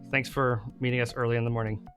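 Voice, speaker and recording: A man's voice: mid-range voice, little pitch movement, fast, fairly bright tone, soft background music. A man hosting a podcast, talking in an easygoing, joking way. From American Southwest desert. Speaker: podcast host. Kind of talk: casual podcast chat.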